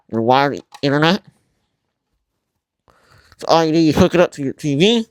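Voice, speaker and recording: A man hosting a casual tutorial vlog, talking informally and haltingly through a mask that muffles his mouth, often apologetic. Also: on the high side, clear, resonant tone, dry recording. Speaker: video host.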